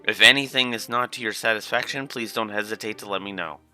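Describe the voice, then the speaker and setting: A man's voice: fairly low pitch, fast talker, bright, forceful tone. A man voicing a dutiful, deferential maid in a video game, speaking formally. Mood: courteous. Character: polite, dutiful young castle maid.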